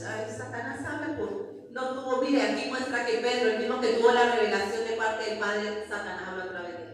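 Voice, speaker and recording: Colombian woman preaching, emphatic, lots of questions to the church, far off mic in a big echoey hall. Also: mid-range voice. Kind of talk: sermon. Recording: echoey hall, picked up from a distance, with faint music.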